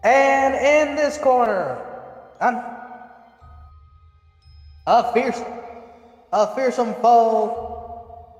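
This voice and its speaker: A man's voice: very slow, pauses often, full character voice. A man voicing a brash female arena announcer through a voice changer in a tabletop game, barking out grand introductions with stumbling restarts. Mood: showy. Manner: booming carnival-barker announcing, stumbling restarts. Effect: voice changer, higher shifted voice. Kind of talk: tabletop game role-play. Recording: long reverb, music behind.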